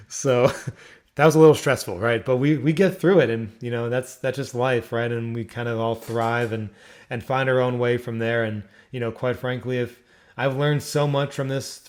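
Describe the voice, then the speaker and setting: A young man from Philadelphia with a Philly accent hosts a casual online community Q&A, rambling with restarts and fillers. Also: mid-range voice. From Philadelphia, Pennsylvania. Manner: rambling, repeats words, lots of fillers. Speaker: community AMA host. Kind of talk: casual community livestream talk.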